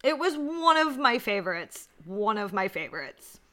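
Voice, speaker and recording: Woman, bright and crisp tone, casual podcast co-host; eager, jumps in fast. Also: medium pitch, sing-song. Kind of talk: casual podcast chat about horror films.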